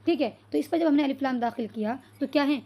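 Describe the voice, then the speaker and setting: A woman's voice: sits high, mellow. A woman teaching an Arabic lesson who asks questions, answers them herself and often checks whether the class has understood. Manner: checks understanding with "clear so far?"; spells out Arabic words slowly.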